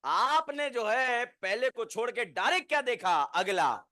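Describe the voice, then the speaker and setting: A man's voice: extremely high pitch, lively intonation, a little slow, bright, forceful tone, dry recording, clean studio sound. A man teaching chemistry to a classroom, quizzing students, counting their answers and explaining with playful name mnemonics. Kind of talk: classroom lecture.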